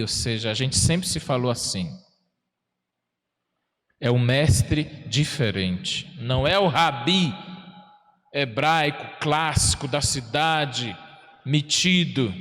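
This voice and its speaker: A Brazilian priest with a mid-range voice preaches a sermon in a homely, conversational way, putting questions to his congregation. He stretches words out slowly to stress them. His voice carries a long reverb through the church. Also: medium pitch, a bit bright. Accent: Brazilian Portuguese. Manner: folksy, asks the congregation questions, slows down for emphasis. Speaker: parish priest.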